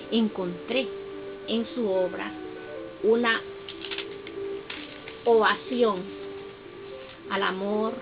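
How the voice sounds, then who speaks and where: A woman poet from Honduras speaking slowly and solemnly from a podium on a festival stage, recorded on a camera out in the hall. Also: mid-range voice. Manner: slow, solemn and declamatory. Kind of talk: poetry recital speech. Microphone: podium mic, camera far off in the hall. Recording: dull lo-fi camera audio with loud music.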